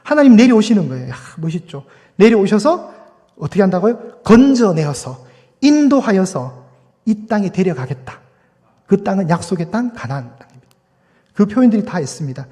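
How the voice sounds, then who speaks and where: High-voiced pastor preaching in reverberant hall. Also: male voice, sing-song, moderate pace, mellow. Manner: conversational preaching with rhetorical questions to the congregation. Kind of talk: sermon. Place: church sanctuary.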